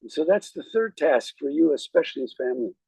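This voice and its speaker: A man speaking as a rabbi at a graveside, giving a eulogy in a measured, reflective way with deliberate pauses. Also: a little high, lively intonation, creaky, a little mellow, slightly rough, no room sound, rough recording. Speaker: rabbi officiating at a funeral.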